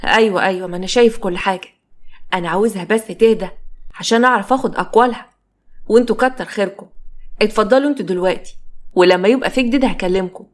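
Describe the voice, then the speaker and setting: Woman voicing a police officer, male, Egyptian accent, brisk, questioning, quick. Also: medium pitch, close to an everyday voice.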